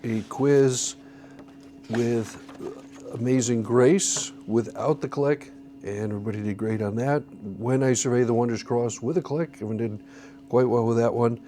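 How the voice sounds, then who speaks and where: A man's voice: medium pitch, fairly even intonation, normal speed, mellow. A man teaching a church song-leading class, explaining conducting patterns patiently and counting beats aloud. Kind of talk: classroom instruction.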